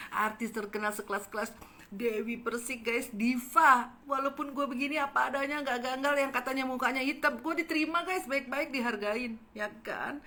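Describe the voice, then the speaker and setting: A woman tells a juicy story straight to her viewers, animated and dramatic. Her voice sits fairly high and rings bright and forceful. She acts out every quote along the way. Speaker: channel host telling a story.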